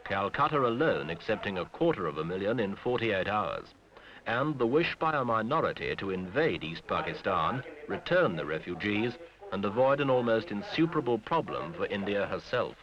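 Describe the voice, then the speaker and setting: A man giving grave, measured scripted narration in short phrases for an old newsreel soundtrack. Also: on the low side, very animated, crowd noise. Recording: dull lo-fi 1970s film sound with music.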